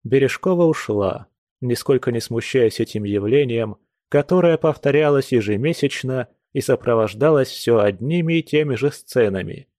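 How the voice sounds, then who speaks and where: Mellow-voiced male audiobook narrator. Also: mid-range voice, animated, moderate pace, dry recording, clean studio sound. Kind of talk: scripted narration of a classic novel.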